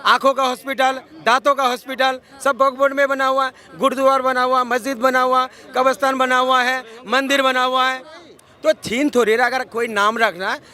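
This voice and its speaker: A man with a strikingly high, bright voice argues his point in a street interview. He keeps cutting in to be heard, pressing and insistent. He is recorded outdoors on a city street. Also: flat delivery, a little fast. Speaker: interviewee in street vox pop. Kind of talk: heated street debate.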